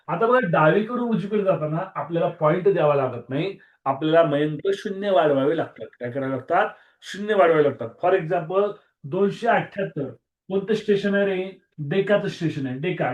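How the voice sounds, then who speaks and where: A slightly hoarse man with a Marathi accent, teaching a strict online maths class over a video call and repeating key words, with some English mixed in. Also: on the high side, expressive, fairly quick. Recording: muffled video-call audio.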